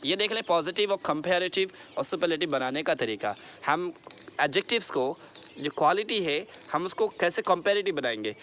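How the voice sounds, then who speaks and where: A man with an Indian English accent explaining a grammar lesson, repeating words slowly and checking that his students understand. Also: on the high side, expressive, a bit bright, a little hiss or hum. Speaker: English teacher.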